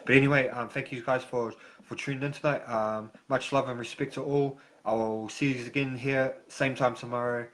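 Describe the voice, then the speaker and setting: Halting man with a broad Kiwi accent. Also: mid-range voice, steady tone, fairly bright tone, slight background noise, poor audio. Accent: broad New Zealand. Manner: halting, frequent pauses. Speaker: host of a recovery live stream. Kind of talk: casual live stream talk.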